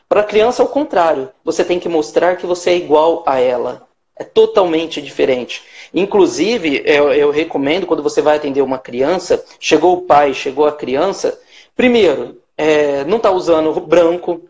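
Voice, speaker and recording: A Brazilian man with a notably high-pitched voice talks through his practice in a live-stream interview. He explains step by step with emphasis, now and then acting out short quoted remarks. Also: lively intonation, moderate pace, darkish tone, dull audio. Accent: Brazilian Portuguese. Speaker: hypnotherapist guest.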